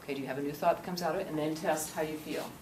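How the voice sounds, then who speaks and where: A deep-voiced woman runs a workshop and keeps checking that her listeners follow along. She is picked up from far away by a camcorder, so the room echoes around her and a steady noise runs underneath. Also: rapid-fire. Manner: coaxing, checks understanding with frequent "okay?". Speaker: workshop presenter. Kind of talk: interactive workshop lecture. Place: classroom or meeting room.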